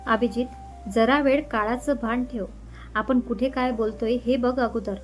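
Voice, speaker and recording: A woman's voice: a little high, steady tone, measured pace, soft background music, natural voice. A woman storyteller voicing a stern elderly man who scolds a young man. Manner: scolding, reproachful. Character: stern elderly father figure scolding his son.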